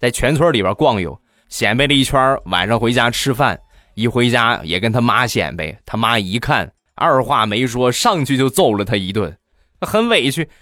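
A man's voice: medium pitch, lively intonation, moderate pace, bright, forceful tone, dry recording, studio quality. A man telling funny childhood stories in a playful, teasing comic monologue. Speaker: comedian storyteller.

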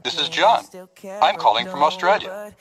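A man voicing a caller phoning from abroad in a textbook dialogue, speaking plainly and clearly. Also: a little high, expressive, normal speed, natural voice. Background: background music.

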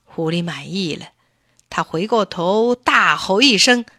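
A woman tells a children's story in a slow, clear, expressive way. Her voice is bright and lively in pitch. The recording is dry and close. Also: dry recording. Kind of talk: storybook narration.

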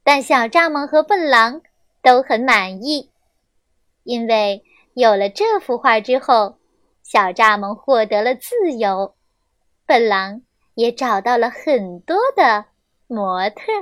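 A young woman reading a children's story aloud, gentle and expressive, on a close mic. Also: on the high side, takes it slowly, dry recording.

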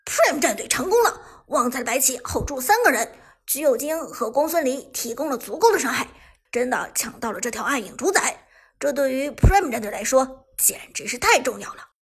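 A loud, hyped male esports commentator from an audiobook story, voiced by a woman. He calls the action with breathy excitement in a fairly high voice. The delivery stays pushed and energetic. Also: moderate pace, heavily acted. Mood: excited.

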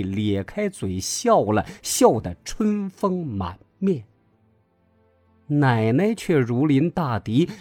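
Slow, husky male storyteller. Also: on the high side, no echo. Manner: measured, expressive storytelling. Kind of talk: scripted narration. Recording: dry close voice over faint music.

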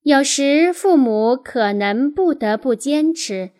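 A woman reads a parenting book aloud in a calm, measured audiobook style. Her voice sits a little high, and she takes her time, moving at a slow, even pace through each sentence.

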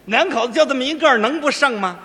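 Boastful high-voiced comedian. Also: male voice, animated, bright, forceful tone. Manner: boastful, playfully evasive, quick retorts. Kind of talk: crosstalk comedy performance. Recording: long hall reverb.

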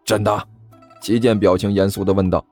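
A man narrating a story in a lively, expressive reading. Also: low voice, quick pace, soft background music.

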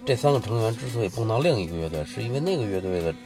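A man's voice: lowish voice, lively intonation, rapid-fire. A man with a Beijing accent hosting a music show, chatting casually about rock records in slangy, joking storytelling with repeated phrases.

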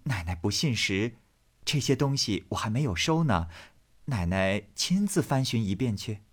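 A man's voice: lowish voice, sing-song, moderate pace. A man voicing a sly teasing young maid. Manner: playful, teasing.

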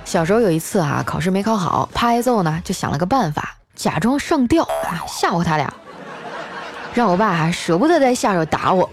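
Woman host, comic storytelling, chatty fillers, soft music behind. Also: on the low side, big pitch swings. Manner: chatty, drawn-out filler particles.

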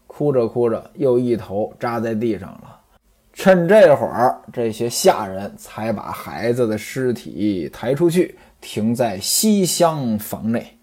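Animated male storyteller. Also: mid-range voice, slow pace, slightly rough. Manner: chatty, animated, explaining asides. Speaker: storyteller and commentator. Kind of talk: storytelling lecture on a classic novel.

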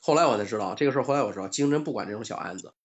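Man, mid-pitched voice, chatty storytelling, restarts and fillers, muffled lo-fi sound. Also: expressive, rapid-fire. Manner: retells dialogue with frequent fillers and restarts. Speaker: panel guest telling a personal story. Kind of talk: casual storytelling chat.

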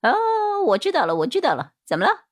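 A fawning, cowardly male gang boss, put on by a woman pleads in a squeaky, jumpy voice that swings wildly up and down. He sounds eager to please and quick to fold under questioning, like a frightened crook in a spoken crime story. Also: huge pitch swings.

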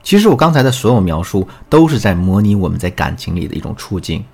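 A man's voice: on the low side, very animated, quick pace, creaky, a little mellow, breathy edge. A man teaching as a relationship coach, telling a student's story in a scripted lesson and speaking directly to the listener. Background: faint background music.

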